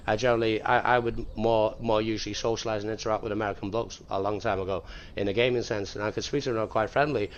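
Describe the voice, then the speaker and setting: A man rambling and swearing freely in casual gaming chatter, repeating himself as he talks. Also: fairly low pitch. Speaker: gamer streamer. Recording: muffled lo-fi with loud vehicle noise.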